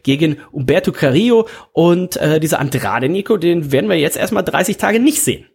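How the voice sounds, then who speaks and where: Husky-voiced man rambling in casual chat. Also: on the high side, expressive, brisk, a little mellow. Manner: rambling storyteller with many fillers and restarts. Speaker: podcast host.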